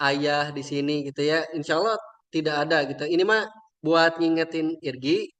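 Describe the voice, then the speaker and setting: This invited speaker, a young man who teaches religion, shares a moving story in a chatty, easygoing talk peppered with trailing fillers. He speaks briskly in a smooth, a little high voice with a fairly bright tone.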